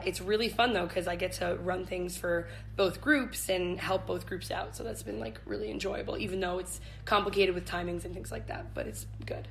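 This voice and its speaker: An American woman in her twenties, a camp staff leader, is an interview guest chatting casually in an informal, giggly way. Her voice is on the low side and gravelly. Noticeable background noise runs through the recording.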